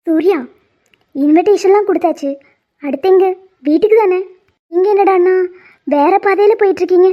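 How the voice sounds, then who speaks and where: A woman's voice: very high-pitched, normal speed, pauses often. A woman voicing a chatty, curious young bride who teases in a bubbly way. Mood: teasing. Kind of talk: Tamil cartoon voice acting. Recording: muffled lo-fi audio.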